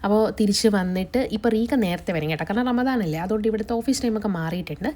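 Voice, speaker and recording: Young woman, vlogger, very fast talker, cold in her voice, chatty, home kitchen. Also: mid-range voice, mellow. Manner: chatty, explains each step to viewers. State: has a cold, voice changed. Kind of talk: casual vlog narration. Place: family home kitchen, indoors.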